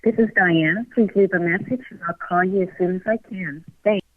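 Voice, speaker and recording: A woman's voice: on the low side, fairly quick, no echo. A woman's recorded answering machine greeting, polite and brief, played back over a phone call. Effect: recorded voicemail greeting played over a phone line. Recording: tinny phone-line playback.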